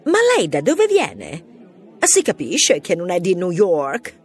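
A woman voicing a brisk female mouse who teaches literature, firing off incredulous questions in a storybook reading. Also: on the low side, wildly swooping pitch, darkish tone, husky, exaggerated voice. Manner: quizzical, rattling off questions.

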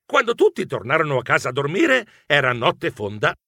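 Expressive male audiobook narrator, fairly high and bright, storybook read. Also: a little fast, no room sound, studio quality. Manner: expressive, animated.

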